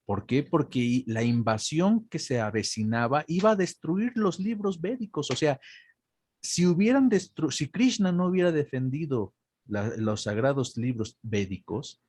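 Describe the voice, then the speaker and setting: A man's voice: a little high, unhurried, husky. A man, a teacher who talks casually and grows emphatic as he explains, calling his listeners brother and sister. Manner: emphatic, rising to animated explanation. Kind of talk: casual conversation after class.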